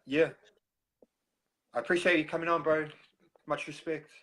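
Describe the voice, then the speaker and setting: A man's voice: fairly high pitch, fairly even intonation, fairly bright tone, rough recording. Kiwi guy hosting a live stream, broad nz accent, casual, stops and starts a lot. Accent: broad New Zealand. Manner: halting, frequent pauses. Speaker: host of a recovery live stream.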